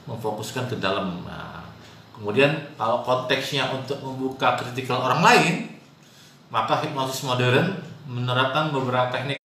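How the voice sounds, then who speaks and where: Male hypnosis teacher, bright voice, casual explainer, heavy room echo. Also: medium pitch. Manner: explains with frequent "ya" tags and homely examples. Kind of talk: casual spoken lesson. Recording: very echoey room, faint noise.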